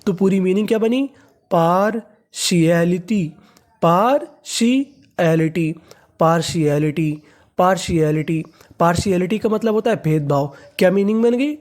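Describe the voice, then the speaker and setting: A man teaching English reading in a class. He spells out words, asks what they are read as, answers himself, and repeats each word slowly several times. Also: high voice, a little mellow. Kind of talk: classroom lesson.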